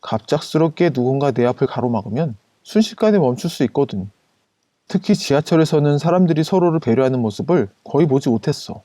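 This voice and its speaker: Higher-voiced man telling a story. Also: expressive, brisk, dark tone, no echo. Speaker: story narrator. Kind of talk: scripted first-person storytelling.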